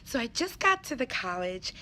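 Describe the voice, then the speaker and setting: Animated woman teacher telling a story. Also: fairly high pitch, moderate pace, a little hiss or hum. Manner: animated, acts out kids' voices. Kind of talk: storytelling vlog.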